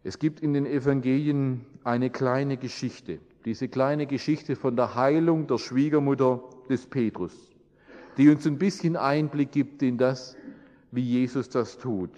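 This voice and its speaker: With an unhurried, mellow, mid-range voice, a man delivers a sermon followed by prayer, his cadence earnest and repetitive. The sound is dull and lo-fi, with long reverb.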